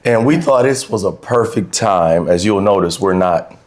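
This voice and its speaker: A middle-aged man co-hosting a podcast, his voice hoarse from yelling, telling the story in a relaxed, steady way while recording on location. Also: sits low, moderate pace. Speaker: podcast co-host. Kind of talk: casual chat. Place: on location, not in a studio.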